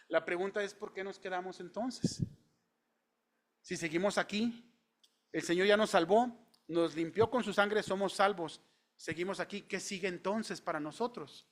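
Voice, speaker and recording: A man's voice: sits high, a bit bright. A man preaching a sermon in a church, talking conversationally and asking the congregation questions. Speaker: pastor.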